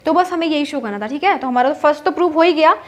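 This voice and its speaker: A woman's voice: sits high, racing. A young woman teaching a maths lesson step by step, mixing with terms, asking and answering her own questions and checking in often.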